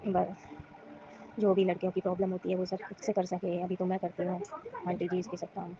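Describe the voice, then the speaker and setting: A woman from Rajasthan speaks softly and slowly in a devotional testimony, repeating her thanks again and again. Her voice stays very flat and has a gravelly edge. The recording is muffled and lo-fi, with loud noise underneath. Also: on the low side. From Rajasthan, India.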